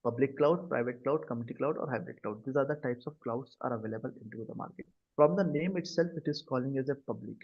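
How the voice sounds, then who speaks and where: Speaking quickly in a mid-range, slightly breathy voice, the instructor leads an online cloud computing class. He has an Indian accent and keeps asking short questions to confirm understanding, all through muffled, low-quality call audio.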